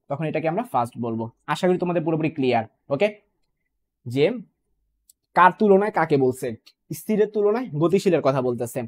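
A young man teaching an online physics exam-prep class, repeating points and checking in often with his students. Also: on the high side. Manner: fast, repetitive, checks in with "okay?" and "clear?". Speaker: physics tutor.

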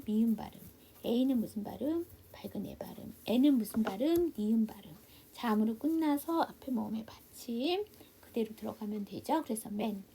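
Woman English teacher, husky mellow voice, patient quiz-and-answer drilling, slips into half-whispers. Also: fairly high pitch. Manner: patient step-by-step drilling, asks and answers own questions; drops into soft half-whispers on explanations. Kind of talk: online phonics lesson. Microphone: computer mic for a video class.

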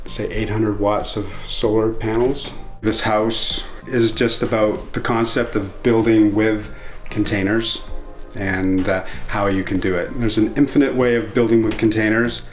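A middle-aged man giving a casual tour of his container cabin, relaxed and hesitant with fillers. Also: on the low side, unhurried, reverberant, faint music behind. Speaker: container home builder. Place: outdoors on a hilltop and inside a container cabin.

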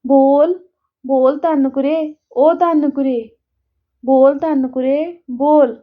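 A grieving village man, tender and tearful, coaxing gently, as a woman narrator voices him. The voice is high and unhurried. The recording sounds dull and lo-fi. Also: fairly even intonation.

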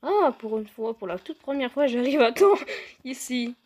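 A woman's voice: on the high side, animated, normal speed, a little mellow. Playful young woman commenting on gameplay. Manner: playful, bursts into squeals and laughter, talks to characters. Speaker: gaming youtuber.

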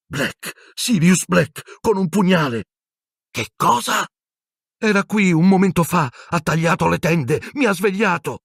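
A man doing a terrified teenage boy wizard in a storybook, voice pushed high and strained as he shouts and insists. The tone stays gravelly underneath, recorded close and dry. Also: normal speed, no room sound, heavily acted. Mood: frightened, insistent.

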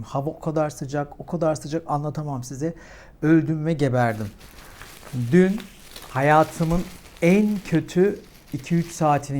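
A young woman vlogging at home while she eats, telling her story with animated, dramatic energy and a clip-on mic. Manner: animated, dramatic storytelling that climbs in pitch when agitated. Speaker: mukbang vlogger. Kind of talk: casual chat while eating.

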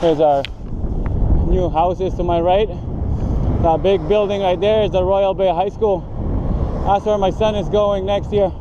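A man in his forties chatting as he rides, in a relaxed way that wanders as he thinks aloud. His voice sits a little high for a man. The sound is dull and muffled, the way a bike-mounted action camera picks it up, with clear wind and traffic noise behind him. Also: unhurried. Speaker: cycling vlogger. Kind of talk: casual vlog narration while riding. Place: outdoors on a coastal road by bike.

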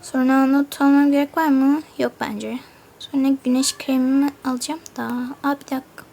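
A woman's voice: sits high, fairly even intonation, normal speed, vocal fry, a little mellow, slight background noise. A woman narrating her own toy game role-play in a chatty way, talking to herself as she plays. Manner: chatty, talks to herself while playing.

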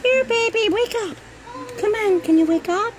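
A woman filming with a handheld phone in a pet store, softly coaxing puppies with repetitive baby talk. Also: very high-pitched, moderate pace, crowd noise.

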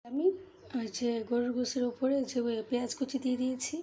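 A woman talking softly while she cooks at home, narrating each step for her viewers. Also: high voice, level tone, fast talker. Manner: speaks softly so a sleeping child stays asleep. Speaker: cooking vlogger. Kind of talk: casual cooking narration. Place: home kitchen. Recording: noisy kitchen ambience.

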